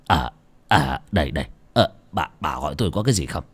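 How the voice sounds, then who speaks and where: A man voicing a frightened old village husband who stammers in a low, shaky voice. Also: animated, fairly quick, fairly bright tone, breathy edge, heavily acted. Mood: shaken.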